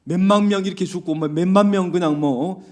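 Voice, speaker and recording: A man's voice: sits high, brisk, darkish tone. A man preaching a conversational church sermon, full of rhetorical questions and acted-out quotes. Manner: acts out quoted lines in varied voices. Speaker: pastor. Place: church sanctuary.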